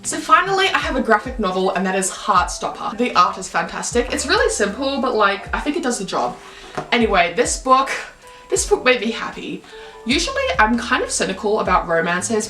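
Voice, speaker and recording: A woman's voice: medium pitch, fairly bright tone. A young woman reviewing her favourite books in a casual vlog, gushing and enthusiastic, full of fillers. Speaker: book vlogger. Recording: roomy home recording.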